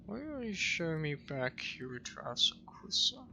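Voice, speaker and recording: A man's voice: on the high side, big pitch swings, measured pace, gravelly, pushed and bright, slight background noise. A man giving casual, joking commentary while playing through a game. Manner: joking, offhand asides. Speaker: let's player.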